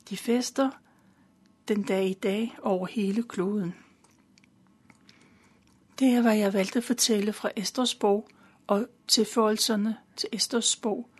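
A woman with a breathy, husky voice tells a Bible story in plain, simple words. She keeps a calm, steady storytelling pace and now and then adds a small filler. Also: mid-range voice.

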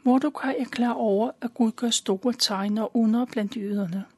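A woman with a breathy, husky voice tells a Bible story in plain, simple words. She keeps a calm, steady storytelling pace and now and then adds a small filler. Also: a little high.

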